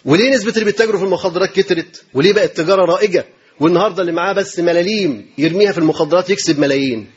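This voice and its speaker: A man's voice: high voice, rapid-fire, husky, lo-fi sound. A man with an Egyptian accent preaching a sermon, firing off rhetorical questions and repeating his phrases for emphasis.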